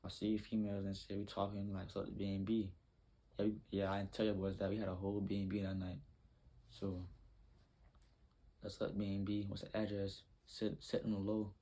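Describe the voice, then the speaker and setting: A man's voice: fairly low pitch, monotone, fairly quick, dark tone, slight background noise. A young man telling a rambling, slangy story in a casual storytime vlog.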